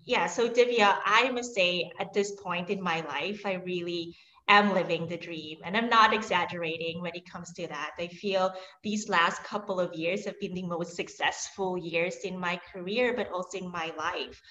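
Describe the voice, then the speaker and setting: A woman from Switzerland who speaks Swiss German natively, a high-performance coach talking openly and reflectively as an interview guest, with many fillers along the way. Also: normal speed, bright, forceful tone, reverberant, poor audio. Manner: open and reflective, laughs often, many fillers. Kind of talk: conversational interview.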